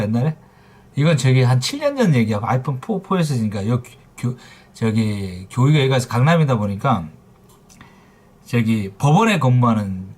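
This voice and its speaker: Middle-aged man, husky voice, lively swooping pitch, blunt profane livestream rant. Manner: blunt, profane, heated storytelling. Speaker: phone repair shop owner streaming live.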